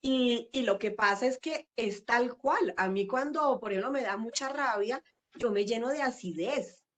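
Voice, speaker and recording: A woman's voice: on the high side, normal speed. Reflective middle-aged woman. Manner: warm, reflective, with frequent fillers and laughs. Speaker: guest. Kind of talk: casual interview conversation.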